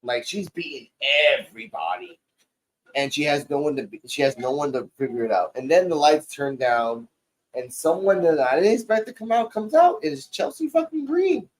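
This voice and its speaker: A man's voice: a little high, lively intonation, moderate pace, darkish tone, poor audio. A man in his forties casually recapping a wrestling show, loose and profane, rambling through the matches. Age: 40s. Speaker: podcast co-host. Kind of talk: casual wrestling review chat.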